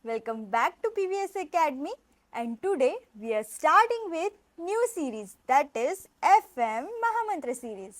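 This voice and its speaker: A woman's voice: high voice, no room sound. A young woman teaching an exam revision lecture, chatty and playful, mixing into her talk and drilling students in call-and-response.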